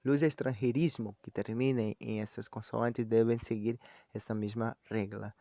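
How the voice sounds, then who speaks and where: A man who speaks Portuguese natively, teaching Spanish grammar in a recorded lesson. He slows down to spell out each example and often checks in with "ok?" or "certo?". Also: on the low side, steady tone, creaky, warm tone, no echo.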